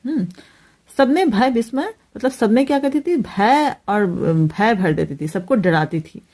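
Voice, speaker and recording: A woman teacher explaining a Hindi poem line by line, pausing often with fillers. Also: fairly high pitch, lively intonation, a little mellow. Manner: hesitant, many fillers, explains each phrase.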